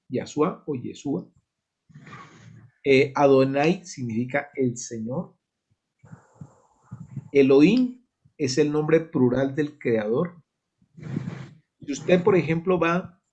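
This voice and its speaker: On a lo-fi recording, a man whose voice is a little high and a little mellow teaches a church Bible study in a Colombian Spanish accent. He explains step by step, checking understanding with "¿sí?".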